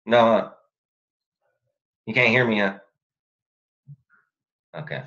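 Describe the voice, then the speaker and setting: A man's voice: on the low side, lively intonation, slow pace, fairly bright tone. A man hosting a casual chat over a video call, his audio freezing and cutting in and out as he asks questions. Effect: glitchy video call audio cutting in and out. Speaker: host. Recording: dull lo-fi internet call audio.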